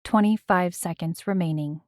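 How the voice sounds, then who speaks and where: A flat, machine-like female voice counts down from a loudspeaker in even, measured steps, read by a woman narrator in her own lowish voice. The sound is dry and close, with no room around it. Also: no echo, close to an everyday voice.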